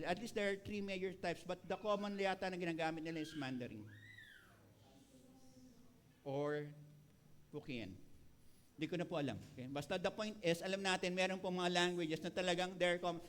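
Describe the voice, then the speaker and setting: High-voiced Filipino pastor preaching. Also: male voice, slight background noise. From Philippines. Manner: mixes Tagalog and English, playful asides to the congregation. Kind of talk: sermon.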